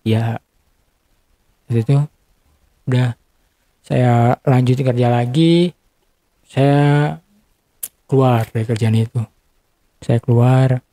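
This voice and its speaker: A young man in an interview telling an emotional personal story, halting and often repeating or restarting his words. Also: mid-range voice, steady tone, warm tone, no room sound.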